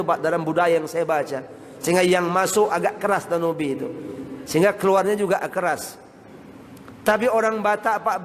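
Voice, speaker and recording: A man's voice: sits high, a bit bright. A male Islamic preacher giving a sermon, constantly addressing his audience as sir and madam. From Indonesia. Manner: addresses the audience constantly as Pak and Bapak Ibu. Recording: hall reverb with faint noise.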